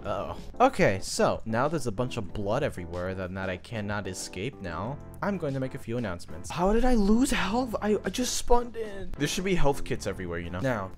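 A young man giving excited, playful gameplay commentary, shouting at the game now and then. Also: fairly low pitch. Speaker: gaming video creator. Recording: game music playing softly behind.

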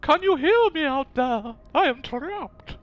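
A man's voice: very high-pitched, lively intonation, takes it slowly, muffled recording, voice pushed up, heavily acted. A man voicing a trapped damsel in a hammy, theatrical stage manner, drawing the words out. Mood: melodramatic. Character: trapped damsel, mock-theatrical, drawn-out pleading.

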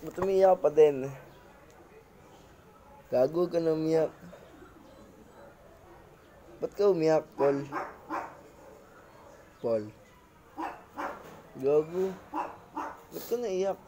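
A woman's voice: sits low, very slow, long pauses, noisy background. A woman vlogging casually among friends, teasing and badgering with repeated questions and crude swearing. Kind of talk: casual group vlog banter.

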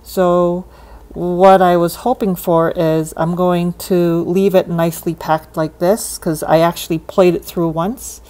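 Unhurried and mellow, with a fairly low pitch and level tone, a woman hobbyist talks through a hands-on cassette tape repair at a desk indoors. Her delivery is casual and unscripted, with hesitant thinking aloud.

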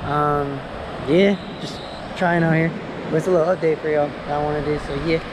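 A young man filming a casual fishing vlog on the beach, slangy and excitable, talking into a head-mounted camera. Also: fairly high pitch, a little fast. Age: young adult. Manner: excitable, slangy, calls out catches. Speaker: fishing vlogger. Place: windy ocean beach outdoors. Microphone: head-mounted action camera. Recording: noisy beach wind and waves. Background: surf and wind.

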